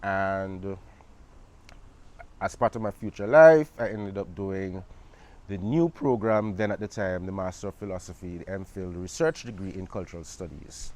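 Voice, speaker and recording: Low-voiced archivist, conversational. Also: male voice, moderate pace, darkish tone. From Barbados. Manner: conversational, asides like "you know, right?". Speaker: archivist and academic guest. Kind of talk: reflective interview answer.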